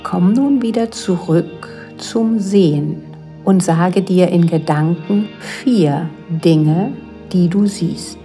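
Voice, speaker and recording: Female meditation guide, lowish mellow voice, calm and gentle instruction over faint music. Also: slow. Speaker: mindfulness and yoga guide. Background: soft relaxation music.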